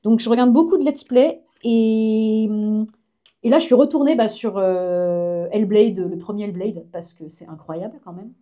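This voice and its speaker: A woman's voice: medium pitch, unhurried, warm tone. A woman, a comic artist and science journalist, chatting casually and enthusiastically as a guest on a live stream.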